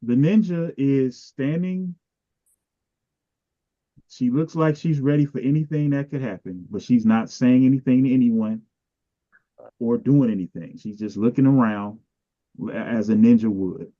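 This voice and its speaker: Mellow male game master. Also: mid-range voice, unhurried, long pauses, no room sound. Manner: descriptive, guiding players. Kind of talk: narrating a tabletop game. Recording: dry, dull-sounding.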